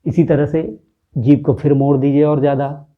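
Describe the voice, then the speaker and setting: A man's voice: on the high side, level tone. A man teaching a pronunciation lesson, patiently sounding out consonants one by one and asking the viewer where each sound comes from. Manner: patient, demonstrative, repeating sounds slowly and quizzing the viewer. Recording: dull lo-fi recording.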